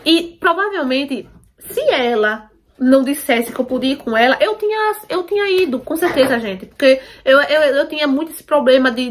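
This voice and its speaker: A woman tells a personal story to her viewers, emphatic and repeating herself, often checking that they follow. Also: high voice. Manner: emphatic, repeats herself, asks listeners for agreement.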